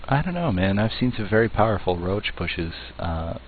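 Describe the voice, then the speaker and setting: A man giving play-by-play commentary on a strategy game match, talking in a measured way with fillers and restarts. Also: lowish voice, very animated. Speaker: esports caster. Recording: tinny phone-like line, faint noise.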